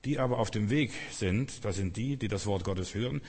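A man's voice: fairly low pitch, moderate pace, darkish tone, breathy edge. A man preaching a sermon in an earnest, direct way, asking the listeners rhetorical questions. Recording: long reverb of a large hall.

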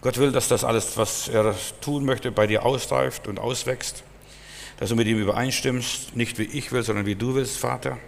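Male preacher, emphatic sermon, acts out Bible scenes, mid-pitched voice, long hall echo. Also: steady tone, normal speed, vocal fry, a little hiss or hum.

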